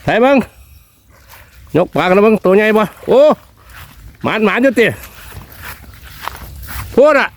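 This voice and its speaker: A man's voice: high voice, animated, measured pace, long pauses. A man with a northeastern Thai accent giving exclamatory outdoor vlog commentary, repeating short phrases as he goes. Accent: northeastern Thai (Isan). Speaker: vlog host. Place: outdoors in the countryside.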